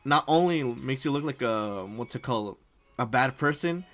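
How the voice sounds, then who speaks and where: A man's voice: mid-range voice, lively intonation, normal speed, a bit bright, faint music behind. Rambling young man reacting on stream. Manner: rambling, lots of fillers and "freaking", laughs often. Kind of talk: casual reaction commentary.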